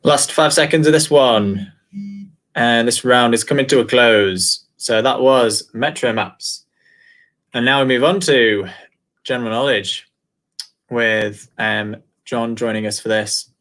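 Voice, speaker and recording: A man's voice: medium pitch, a little slow, fairly bright tone. A man hosting an online quiz night, reading out questions and teasing his co-host in friendly banter.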